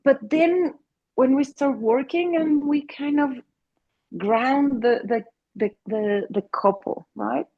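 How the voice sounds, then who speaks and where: The audio is dull, and the woman's high voice carries a breathy edge. She is a middle-aged Mexican native Spanish speaker with a Mexican accent, explaining her job as a family therapist in an interview conversation. Her delivery is earnest but full of restarts and filler words.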